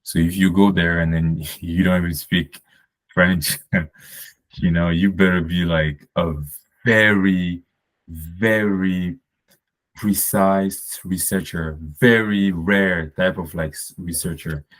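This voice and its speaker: A man's voice: deep voice, fairly even intonation, a little slow. A man from Cameroon, a podcast guest, talking casually and rambling with many fillers and restarts. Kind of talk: casual conversation.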